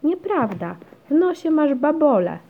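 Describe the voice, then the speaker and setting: A woman's voice: big pitch swings, measured pace, creaky, heavily acted. A woman putting on a whiny, stubborn little girl. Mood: pleading. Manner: high, whiny and insistent. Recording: dull lo-fi recording.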